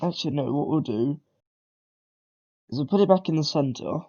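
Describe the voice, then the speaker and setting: On a muffled recording, a man with a highish, expressive, warm voice talks at a moderate pace. He is recording a relaxed beginner coding tutorial with a cold, wandering in his explanations, correcting himself, and often saying um or clearing his throat.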